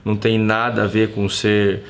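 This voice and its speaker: A Brazilian man hosting a live stream from his home, chatting casually in a slangy, animated way and telling stories with quoted dialogue. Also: on the low side, normal speed, creaky.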